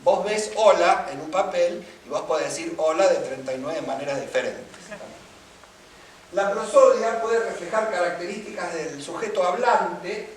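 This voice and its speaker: Guy giving a music lecture, kinda high voice, far from the mic in a big echoey room. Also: normal speed, slight background noise. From Argentina. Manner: explanatory, asks listeners for agreement. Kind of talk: seminar lecture.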